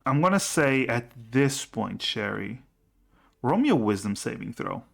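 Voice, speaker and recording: A man acting as game master for a tabletop role-playing game, narrating and refereeing in a halting way, often repeating himself. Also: medium pitch, sing-song, gravelly, fairly bright tone.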